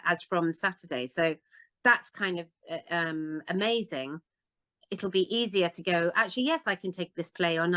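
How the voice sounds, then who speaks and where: A woman's voice: fairly low pitch, fairly bright tone, dry recording. Chatty English woman, dry sound. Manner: chatty, full of fillers and restarts. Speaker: guest actress. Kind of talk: casual interview chat.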